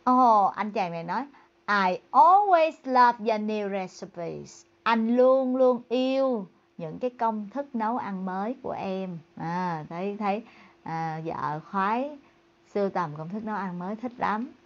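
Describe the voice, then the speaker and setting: Woman teaching english, reads lines real slow n clear then chats through them, kinda muffled lo-fi sound. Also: medium pitch. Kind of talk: bilingual English lesson, reading dialogue lines slowly and explaining.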